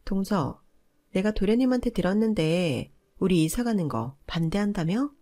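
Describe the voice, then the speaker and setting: A woman's voice: expressive, normal speed, mellow, close to an everyday voice. A woman voicing a bossy, entitled older sister-in-law who scolds and talks down to others. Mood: scolding. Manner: shrill, scolding, condescending.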